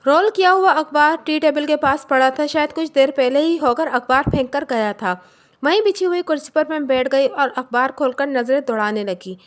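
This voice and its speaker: High-voiced woman narrating a story. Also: normal speed. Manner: steady storybook reading, voicing every character. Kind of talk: scripted first-person story narration.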